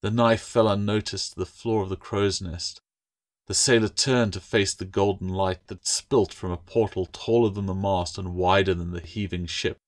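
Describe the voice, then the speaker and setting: Low-voiced male audiobook narrator. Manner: steady, measured storytelling. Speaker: author reading his own book.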